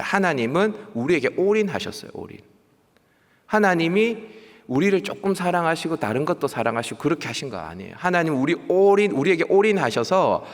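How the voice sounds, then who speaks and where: A male youth pastor with a Gyeongsang accent delivers a sermon, animated and emphatic, repeating key words. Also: on the high side. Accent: Gyeongsang Korean. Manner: animated preaching with emphatic repetition and asides. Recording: long church hall reverb.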